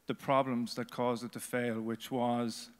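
Middle-aged man pitching in a reverberant hall. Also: flat delivery, a little slow. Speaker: entrepreneur. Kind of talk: halting unscripted pitch. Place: large conference stage, indoors. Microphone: handheld microphone.

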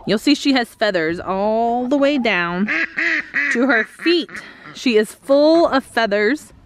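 A woman's voice: on the high side, animated, takes it slowly. A woman in her thirties giving a casual farm tour, explaining things with lots of "um"s while holding the camera at arm's length outdoors. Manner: chatty, explanatory, many "um"s. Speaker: homesteader vlogger. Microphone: camera held at arm's length.

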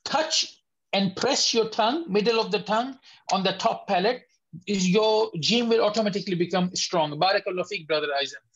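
A man teaching a beginners' lesson online, patiently correcting students and slowly demonstrating each sound. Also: sits high, a bit bright, husky. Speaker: Tajweed teacher. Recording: slightly dull lo-fi audio.

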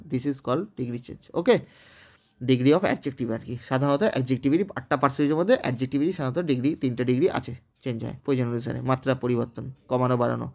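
A man's voice: mid-range voice, a little mellow. A man from West Bengal with a Bengali accent, teaching an English grammar lesson step by step and often checking that his students have understood. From West Bengal, India. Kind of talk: recorded online grammar lesson.

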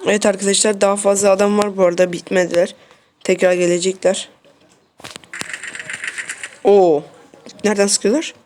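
A mid-pitched voice narrates a mobile shooter as it happens, talking straight to the viewers. Short phrases come again and again in a casual, running commentary. Faint noise and tapping clicks sit under the voice. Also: flat delivery, fast, a little mellow. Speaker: mobile game streamer.

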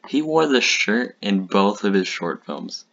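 A man's voice: fairly low pitch, expressive, a little slow, vocal fry, a bit bright, highs cut off. A young man casually reacting to his old short films, chatty and rambling with lots of fillers.

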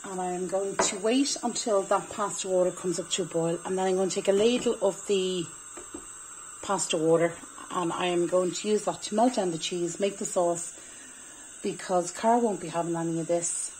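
Irish woman in her forties, homely cook-along vlogger, mellow voice, faint kitchen noise, camera on the counter. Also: fairly low pitch, steady tone, moderate pace, low-quality recording. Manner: chatty, homely, explains as she goes. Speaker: home cooking vlogger. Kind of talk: casual cook-along talk. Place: home kitchen. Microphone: camera on the worktop.

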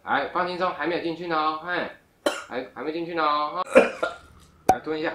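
A man's voice: on the high side, steady tone, fairly quick. A young man with a Taiwanese Mandarin accent, coaching casually and reassuringly in short, repeated instructions. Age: young adult. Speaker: nurse demonstrating a procedure. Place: small furnished room indoors. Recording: roomy echo, loud music behind.

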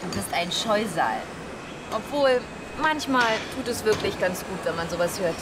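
An actress in her thirties playing a lively, direct woman in a TV drama. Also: medium pitch, normal speed, natural voice. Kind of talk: TV series acting. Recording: clear background noise.

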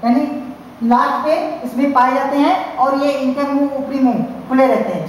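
This high-pitched North Indian woman, who speaks with a Hindi-speaking accent, teaches science to a college class. She leans on lots of fillers, repeats herself and restarts often, while long reverb from a very echoey hall and a faint hiss fill the recording.

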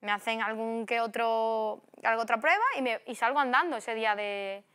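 Young woman from Spain, slightly high voice, animated storyteller in casual chat. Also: normal speed, smooth. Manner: lively storytelling with acted-out quotes. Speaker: guest footballer.

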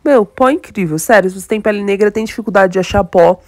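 This dry recording has a young Brazilian woman talking fast in a mid-range voice, congested and nasal from a cold. She's a beauty vlogger chatting with enthusiasm to viewers in a relaxed makeup tutorial, and she has a Brazilian Portuguese accent.

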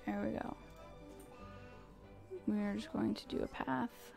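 A woman's voice: mid-range voice, steady tone, measured pace, vocal fry, music in the background. A woman streaming a building game, muttering to herself in casual, frustrated commentary.

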